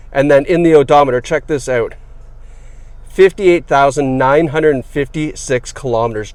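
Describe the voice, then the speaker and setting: A man's voice: a little high, a little mellow, dry recording. A man giving a casual, upbeat walkaround of a car for sale, chatty and full of fillers. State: has the hiccups. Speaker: car salesperson. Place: inside a car.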